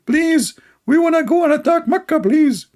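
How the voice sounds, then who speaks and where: A man's voice: extremely high pitch, expressive, moderate pace, darkish tone, voice pushed up. A man voicing a pleading male creature trapped behind a wall, whining and begging. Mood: whiny begging. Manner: whiny, begging.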